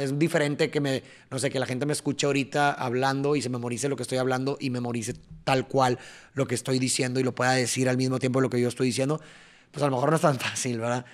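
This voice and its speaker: Here a young man with a Mexican accent guests on a podcast, his medium-pitched voice relaxed and animated as he explains things. He sometimes taps rhythms along the way.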